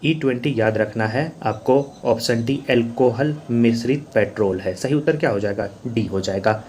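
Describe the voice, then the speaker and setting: Guy running thru exam quiz answers like a coaching teacher, mid pitch, bit of faint noise behind. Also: moderate pace, darkish tone. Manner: repetitive question-and-answer drilling, "sahi uttar ho jayega". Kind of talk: quiz answer walkthrough lesson.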